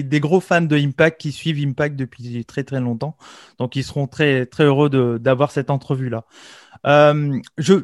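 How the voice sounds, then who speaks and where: A man's voice: a little high, dry recording. Man, 30s, from France, podcast host, filler-heavy, eager, dead dry sound. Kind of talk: interview hosting.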